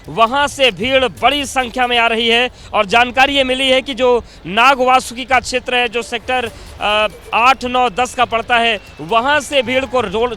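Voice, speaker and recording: A man's voice: extremely high pitch, sharp tone, clear, resonant tone. A man giving a live field report outdoors at a crowded riverside site, describing the scene and guiding the viewer.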